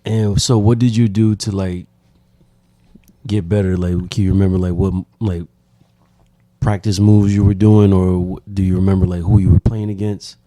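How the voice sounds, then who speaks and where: Very deep dark-voiced man asking questions. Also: little pitch movement, moderate pace, no echo. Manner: short encouraging backchannels and questions. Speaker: podcast co-host. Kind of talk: casual chat.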